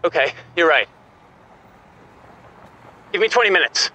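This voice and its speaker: An actor playing a steady voice on a phone. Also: mid-range voice, unhurried, very noisy, close to an everyday voice. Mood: reassuring. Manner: reassuring, steady.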